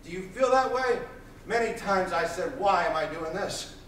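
A man in his thirties preaching a sermon, pacing the stage of a small church with intense, loud delivery. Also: high voice, lively intonation, normal speed, slight background noise. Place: small church hall, indoors. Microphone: far camera, room mic. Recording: echoey church hall from far off.

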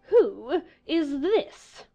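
Shrill, imperious Queen of Hearts. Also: very animated, extremely slow, soft background music, full character voice. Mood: haughty. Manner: shouting, commanding, abrupt. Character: imperious, hot-tempered Queen of Hearts ordering executions. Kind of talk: dramatized audiobook acting.

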